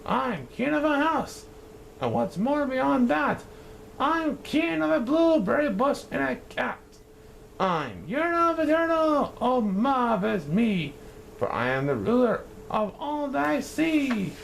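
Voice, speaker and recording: A pompous little turtle king from a storybook bellows his commands in a high, swooping voice, with a man putting him on. The tone is bossy and full of himself, with a gravelly edge. There is a faint hiss of noise behind him. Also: very animated, slow pace, heavily acted. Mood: boastful. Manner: shouting, grandiose, high and strained.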